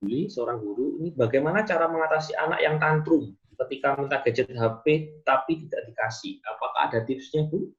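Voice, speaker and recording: A man's voice: a little high, fairly quick, few pauses, lo-fi sound. A man moderating an online seminar who politely reads out questions from the audience.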